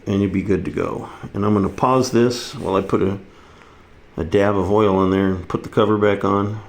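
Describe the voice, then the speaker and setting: In a kitchen, a man with a lowish, gravelly voice walks through a repair step by step, keeping his intonation fairly even and his speed normal. His manner is casual and folksy, like a repair video host, with slight background noise behind him.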